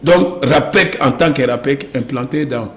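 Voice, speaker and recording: Heard in an echoey room with clear background noise, a man from DR Congo argues insistently in a political interview, his Congolese French accent evident as he repeats phrases and asks rhetorical questions. His mid-pitched voice is a bit bright and unhurried.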